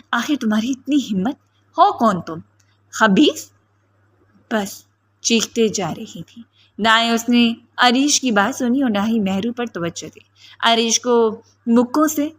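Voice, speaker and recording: A woman's voice: on the high side, fairly bright tone. Woman narrating a dramatic romance novel. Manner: dramatic storytelling. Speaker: audiobook narrator.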